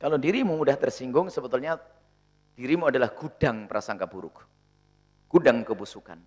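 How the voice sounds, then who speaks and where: A man's voice: medium pitch, expressive, a little fast, darkish tone. A man preaching in a sermon, answering a question and acting out little dialogues in different voices as he goes.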